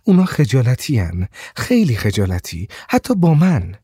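A man voicing a gentle, shy blind woman who speaks softly and hesitantly, stammering at times. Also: medium pitch, wildly swooping pitch, husky, no room sound. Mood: wistful. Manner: soft, hesitant, stammers when upset.

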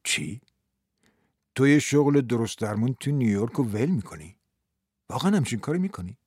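A man voicing a weary, downcast young man in a low, subdued and husky manner for an audiobook. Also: lively intonation, a little mellow, no room sound, clean studio sound. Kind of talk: audiobook reading.

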